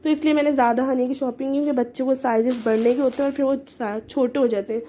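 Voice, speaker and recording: Hoarse young woman with a cold. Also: high voice, steady tone, rapid-fire, warm tone, a little hiss or hum. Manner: chatty, explaining items one by one. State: hoarse with a cold, short of breath. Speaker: vlogger. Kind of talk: casual show-and-tell vlog.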